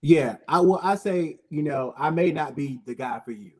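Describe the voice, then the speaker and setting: A man's voice: on the high side, normal speed, warm tone. A man on a discussion panel speaking in a laid-back way, restarting sentences and swearing casually.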